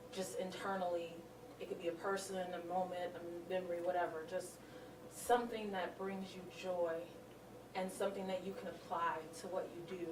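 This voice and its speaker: A woman board member speaks in a lowish voice, heartfelt and on the edge of tears. She is picked up from across an echoey meeting room. There is steady noise behind her. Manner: heartfelt, emotional, close to tears. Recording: echoey room mic from far off.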